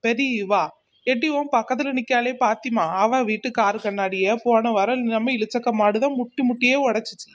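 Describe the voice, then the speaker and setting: A woman's voice: on the high side, normal speed, lightly acted. A woman voicing a blunt, taunting village neighbor.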